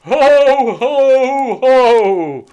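Storybook Santa: old, hearty, booming, raised pitch with big swoops, exclaiming grandly. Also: male voice, expressive, clear, resonant tone, heavily acted. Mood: jolly. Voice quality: booming, loud. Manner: hearty, exclaiming, drawn-out delivery.

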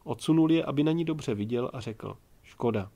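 A man narrating an audiobook in a calm, measured reading voice. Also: medium pitch. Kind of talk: scripted narration.

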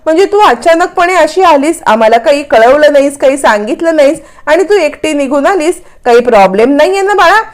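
A woman's voice: high-pitched, animated, fairly quick, hardly any pauses, voice pushed up. Woman narrator doing anxious loving mom; storybook recap. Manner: worried, questioning. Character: anxious, loving village mother.

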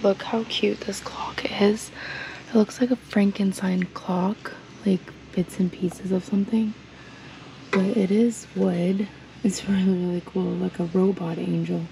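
Browsing an antique mall with a handheld camera, a woman who resells items chats admiringly through her shopping vlog, saying um often. Her voice is creaky and medium in pitch with little pitch movement, unhurried, and fan noise can be heard behind her.

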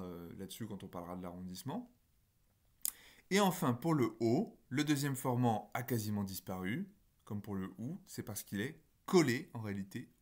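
A man gives a recorded phonetics lecture over on-screen slides. He explains step by step in a patient, methodical way and often pauses to ask whether the class follows. His voice sits at a middle pitch for a man. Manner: patient, explanatory, with frequent checks like "d'accord?". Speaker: phonetics teacher.

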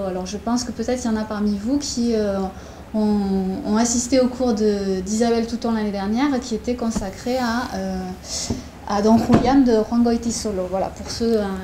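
A woman's voice: fairly high pitch, mellow, a little hiss or hum. A woman presenting a guest writer to students at a university conference, hesitant and full of fillers. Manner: hesitant, many fillers and restarts. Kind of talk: conference introduction of a guest speaker. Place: lecture room with students.

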